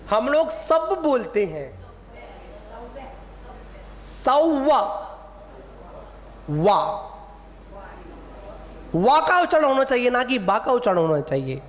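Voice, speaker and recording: High-voiced man preaching slowly in a hall. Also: very animated. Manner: teacherly, drawing out syllables to model pronunciation, asks the audience questions. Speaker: Jain monk preacher. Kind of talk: sermon. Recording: long hall reverb, faint room ambience.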